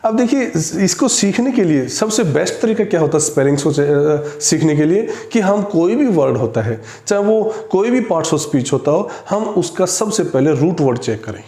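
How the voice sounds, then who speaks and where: A man teaching an English spelling lesson, spelling words out slowly letter by letter. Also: fairly high pitch, animated, warm tone. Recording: echoey room.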